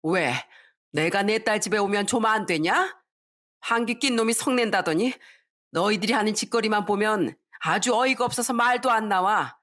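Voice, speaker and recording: A woman voicing a fierce older mother who scolds her daughter's in-laws with a sharp tongue in a radio story reading. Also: medium pitch, normal speed, natural voice. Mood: scolding.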